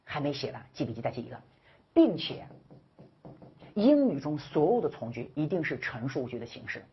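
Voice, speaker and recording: Husky low-voiced woman teaching grammar. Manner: emphatic, drills students with rhetorical questions; slangy and chummy with viewers. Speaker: English teacher. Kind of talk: online grammar lecture. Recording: dull lo-fi recording.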